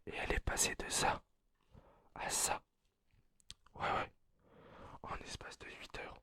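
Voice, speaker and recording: Whispered role-play: male performer as nervous male doomsday survivor, halting delivery through a face mask, sharp breathy whisper. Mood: uneasy. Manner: hesitant, halting storytelling. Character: anxious male survivor of a meteorite apocalypse.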